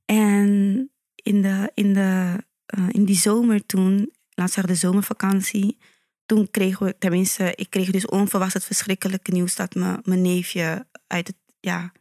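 A woman guest on a podcast, calm and measured as she tells her story, often answering with a quick yes. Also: mid-range voice, no echo, clean studio sound. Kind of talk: conversational podcast interview.

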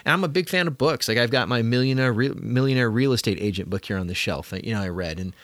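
A man co-hosting a podcast, speaking earnestly and with emphasis as he strings point after point together. His voice sits at an average pitch and is recorded close and dry, with no room sound around it. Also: quick pace, fairly bright tone, no room sound. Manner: earnest, emphatic, talks in long run-on lists. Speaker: podcast co-host. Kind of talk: casual chat.

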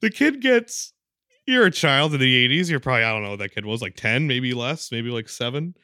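A man co-hosting a podcast, laughing often as he excitedly retells movie scenes in casual chat. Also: mid-range voice, brisk, no room sound, studio quality. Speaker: podcast co-host.

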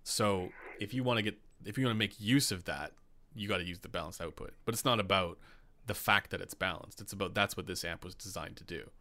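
A man's voice: low-pitched, a little fast, few pauses, pushed and bright. A Canadian man hosting a casual live stream, rambling with fillers and reading chat questions aloud. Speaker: host.

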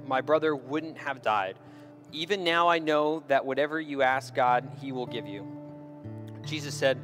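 A man's voice: mid-range voice, a bit bright. A man giving a sermon as a pastor, retelling a Bible story in a conversational way and often checking in with "right?".

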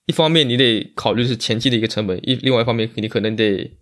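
A man's voice: mid-range voice, fast, fairly bright tone. A man speaking as an interview guest in a casual chat, explaining things and repeating phrases for emphasis. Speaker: interview guest, magician and bar owner.

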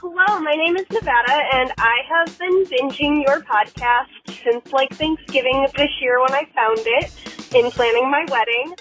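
A woman's voice: high voice, moderate pace, fairly bright tone, soft background music, poor audio. A woman leaving a chatty, rambling voicemail message, recorded on a car phone and played back.

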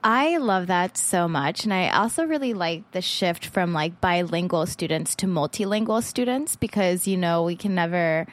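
A woman's voice: fairly low pitch, normal speed, hardly any pauses. A woman from the Philippines hosting an education podcast, talking casually and enthusiastically with many fillers. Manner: enthusiastic, filler-heavy with frequent "like" and "um". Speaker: podcast host. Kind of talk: casual interview chat.

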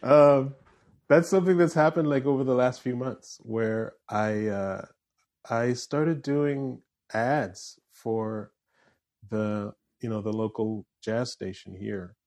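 A Canadian man in his forties with a fairly neutral accent, a musician talking in a relaxed interview, restarting phrases as he thinks. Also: mid-range voice, slow pace. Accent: fairly neutral Canadian English. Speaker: musician and voiceover artist guest. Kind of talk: casual interview chat.

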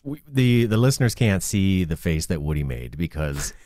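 A man co-hosting a casual conversation, relaxed and asking the guest questions. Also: low voice, normal speed, slight background noise. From Canada. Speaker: podcast co-host.

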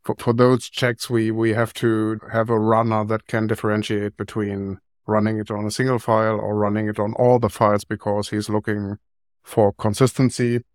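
A male podcast guest who talks in a flat, low, even tone. He explains carefully and thoughtfully, repeating words as he goes. The recording is dry and close. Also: normal speed, no echo. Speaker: podcast guest, software tool creator. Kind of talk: conversational explanation.

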